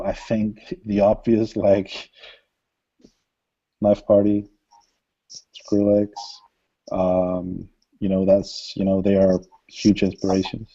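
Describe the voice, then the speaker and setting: Guesting in a casual interview, this electronic music producer from Denmark, a native Danish speaker, rambles easily with lots of fillers and laughter. His voice is fairly low and slow, broken by long pauses, and the audio is dull.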